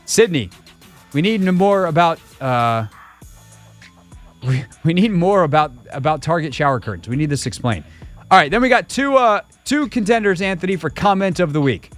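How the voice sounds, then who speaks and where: A man's voice: a little high, big pitch swings, normal speed, faint music behind. A man hosting a sports radio show, reading fan comments aloud and mocking them sarcastically. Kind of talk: casual sports radio chat.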